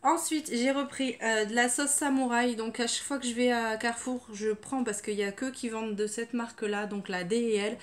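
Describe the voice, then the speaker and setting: A woman's voice: a little high, steady tone, moderate pace, hardly any pauses. A woman chatting casually through her grocery haul, full of fillers and trailing off with "voilà". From France. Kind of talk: casual haul video chat.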